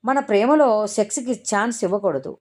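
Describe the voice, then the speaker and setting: A woman's voice: medium pitch, moderate pace, darkish tone, voice pushed up, natural voice. A woman narrator voicing a sympathetic young woman friend who speaks earnestly and soothingly.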